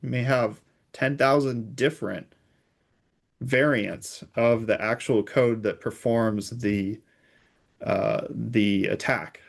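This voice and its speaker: This low, gravelly male voice keeps a steady tone and a slow pace. He's a security researcher guesting as an expert in an interview, illustrating technical points with hypothetical cases.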